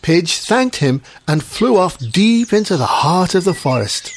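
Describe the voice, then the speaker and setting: A storyteller reading a children's story in a gentle, expressive way. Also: medium pitch, a little slow, a little hiss or hum.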